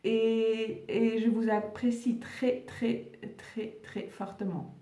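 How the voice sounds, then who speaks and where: Woman, non-native French accent, slow and searching for words, somewhat high voice. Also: little pitch movement, roomy sound, far from the mic. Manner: gentle, searching for words, self-correcting. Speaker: spiritual video host. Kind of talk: casual vlog address to viewers.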